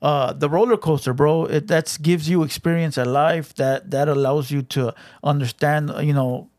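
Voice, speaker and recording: A man's voice: fairly high pitch, steady tone, moderate pace, a little mellow, dry recording, clean studio sound. A man hosting a casual podcast chat in street slang, swearing often and calling people bro and dog. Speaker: podcast host.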